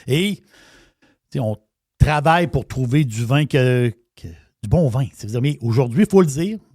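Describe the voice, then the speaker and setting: A man's voice: medium pitch, lively intonation, normal speed, a little mellow, no echo, clean studio sound. A middle-aged man with a Québécois accent, chatting casually as a radio wine columnist, repeating words and using slangy phrasing. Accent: Québécois French.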